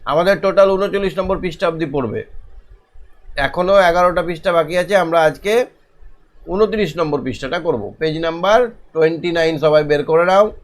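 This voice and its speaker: A male teacher, giving an online lesson to young children, talking slowly and repeating each question. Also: fairly high pitch. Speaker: primary school teacher, channel host.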